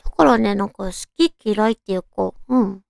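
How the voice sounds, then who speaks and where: A woman with a cute, girlish anime-like voice, chatting casually on her own as a radio talk host, with softly drawn-out phrasing. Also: mid-range voice, lively intonation, gravelly, no echo, clean studio sound. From Tochigi, Japan. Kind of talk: casual solo chat.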